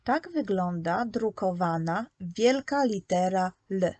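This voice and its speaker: A woman narrating a scripted preschool lesson, patient and clearly articulated as she sounds out letters. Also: mid-range voice, animated, takes it slowly, a little mellow, no room sound. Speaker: preschool teacher.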